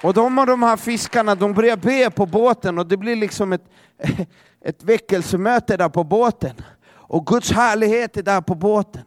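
High-voiced preacher man. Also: no echo, a faint crowd. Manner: dramatic, drops to a hush for emphasis; repeats words as he restarts. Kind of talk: sermon storytelling.

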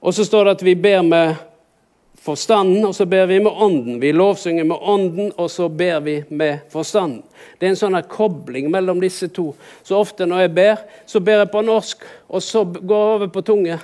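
A man's voice: sits high, darkish tone. A man preaching a sermon in a conversational way, with many rhetorical questions and rises for emphasis.

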